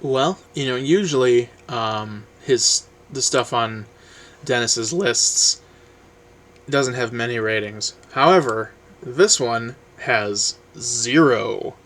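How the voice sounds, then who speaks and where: A man vlogging about books in a rambling, casual way, full of ums and trailing off quietly. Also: mid-range voice, slow pace. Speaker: book vlogger. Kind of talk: casual book review chat, reading blurbs aloud.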